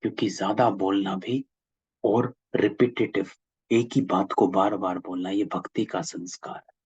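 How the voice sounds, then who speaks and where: Man, husky raspy voice, spiritual teacher, patient repetitive explanation, lo-fi video call audio. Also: sits low, fairly even intonation, unhurried, a little mellow, dry recording. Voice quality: gravelly, husky. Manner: patient, repeats key phrases. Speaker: spiritual class leader. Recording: dull lo-fi call audio, dry.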